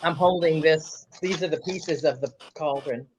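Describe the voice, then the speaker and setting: A man's voice: a little high, moderate pace, slight background noise, poor audio. A man chatting casually during a paranormal session, musing and asking questions in short, tentative phrases.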